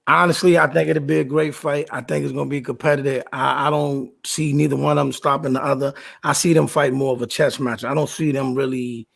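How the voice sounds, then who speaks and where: A man's voice: mid-range voice, flat delivery, a little fast, gravelly, few pauses, a bit bright. A man in his late forties arguing sports in a casual debate, emphatic and often repeating himself. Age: 40s. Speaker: co-host.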